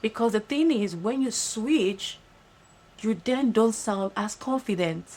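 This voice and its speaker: A woman with a Nigerian accent hosting a podcast, talking in an animated, emphatic and pleading way. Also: a little high, a little slow. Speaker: podcast host. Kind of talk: casual monologue.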